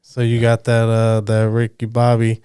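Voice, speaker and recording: A man hosting a podcast, asking questions in a relaxed way, laughing easily and using casual slang. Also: mid-range voice, normal speed, clean tone, dry recording, clean studio sound. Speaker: podcast host. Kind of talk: casual interview conversation.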